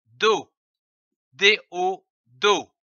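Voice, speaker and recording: A man teaching children to read, sounding out each syllable with very slow, deliberate care. His voice is bright and lively in pitch. The recording is dry and a little dull, like a lo-fi voice-over. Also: dry recording. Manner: spells out letters and syllables carefully. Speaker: reading teacher. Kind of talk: slow, deliberate phonics lesson.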